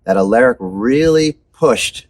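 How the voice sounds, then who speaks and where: A man's voice: medium pitch, animated, unhurried, slight background noise. A middle-aged man hosting a casual music chat, rambling and enthusiastic with lots of fillers, on a street at night. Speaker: show host.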